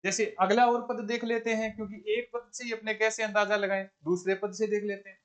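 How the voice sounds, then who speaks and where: High-voiced male Hindi teacher. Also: level tone, brisk, fairly bright tone, clear, resonant tone. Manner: repeats questions to students and answers them himself; counts syllable beats aloud step by step. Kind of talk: exam-prep lesson explaining verse meter.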